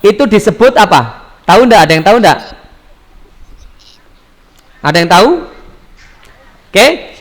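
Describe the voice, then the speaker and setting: A male primary school teacher leads an online class, patiently asking the pupils questions and repeating their answers. His voice sits high. The recording has a long, ringing room reverb. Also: a bit bright.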